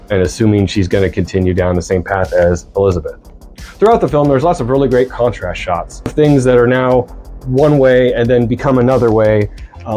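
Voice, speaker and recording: A man's voice: mid-range voice, mellow. A man in his mid-forties giving a scripted film review with earnest enthusiasm and wry asides. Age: 40s.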